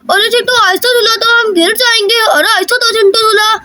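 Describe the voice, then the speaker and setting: A woman's voice: extremely high pitch, steady tone, normal speed, bright, forceful tone, slight background noise, voice pushed up. A woman doing a chattering boy doll. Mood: excited. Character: playful young boy doll.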